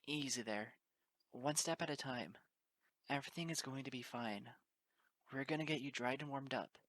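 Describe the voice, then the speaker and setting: A man voicing a kind, motherly female pony in an audiobook fan reading, speaking softly with a raised pitch and breathy murmurs. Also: normal speed, no room sound, close to an everyday voice. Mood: reassuring.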